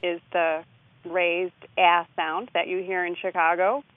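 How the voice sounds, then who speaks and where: A woman's voice: fairly low pitch, little pitch movement, measured pace. A woman linguist giving expert commentary, analytically explaining pronunciation step by step. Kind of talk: expert commentary on speech samples. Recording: tinny phone line.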